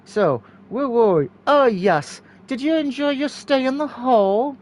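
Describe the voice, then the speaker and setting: A man reading the visual novel lines of a stern, quick-tempered female prison interrogator, blunt, cold and commanding. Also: very high voice, animated, pitched above the performer's own voice. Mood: cold, irritated. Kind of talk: visual novel dialogue read aloud.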